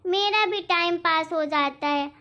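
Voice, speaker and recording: A woman voicing a kind, hardworking older mother-in-law in a cartoon, speaking in a gentle, patient, pleading way. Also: very high voice, unhurried, full character voice. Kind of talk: cartoon voice acting. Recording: dull lo-fi recording.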